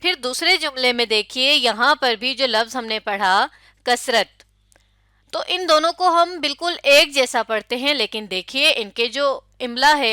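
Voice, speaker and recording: A woman's voice: sits high, sharp tone, clear, resonant tone, no echo, studio quality. A woman with a Pakistani Urdu accent giving a classroom lecture, asking questions, confirming answers and spelling words letter by letter. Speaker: teacher.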